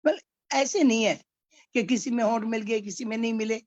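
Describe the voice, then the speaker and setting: A woman's voice: a little high, normal speed, a little mellow, no room sound. A woman teaching poetry, patiently explaining each point and acting out spoken examples. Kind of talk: explaining Hindi poetics.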